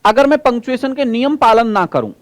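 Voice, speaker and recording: A male teacher giving an exam-prep lecture, explaining by repeating points, asking the class questions and drawing key terms out slowly. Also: extremely high pitch, expressive, dry recording.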